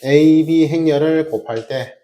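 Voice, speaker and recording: A man's voice: on the high side, takes it slowly, mellow, muffled recording. A man teaching a math class, explaining step by step with emphatic rhetorical questions to his students. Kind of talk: classroom lecture.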